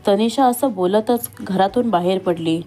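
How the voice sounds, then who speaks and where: A woman reading a family love story aloud, voicing each character in her own voice with dialogue pitched a little higher. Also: measured pace, dark tone. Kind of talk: scripted story narration.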